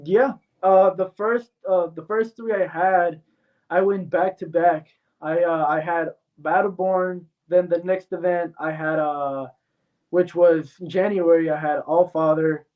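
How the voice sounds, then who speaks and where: Heard from afar through tinny, phone-like sound, a Mexican-born MMA fighter guest answers bluntly and with confidence, using lots of fillers. His high-pitched voice stays fairly even in intonation and moves a little slowly.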